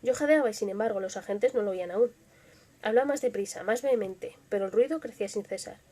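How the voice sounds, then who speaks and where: A young woman with a Spanish accent from Spain, hosting a live stream and reading stories in a soft, expressive voice that sometimes drops to a whisper. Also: mid-range voice, fast. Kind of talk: dramatic story reading with casual chat.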